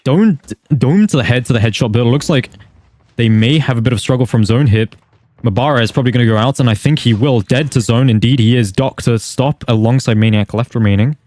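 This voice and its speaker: A man casting a battle royale match play by play, calling the action in rapid, clipped lines. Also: mid-range voice, darkish tone, no echo. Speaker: esports caster. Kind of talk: play-by-play game commentary.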